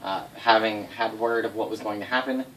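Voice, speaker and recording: A man with a fairly low, brisk voice tells his players game lore in a casual, off-the-cuff way. He swears freely, stays animated and leans on words for dramatic effect. The mic is distant and the room is noisy.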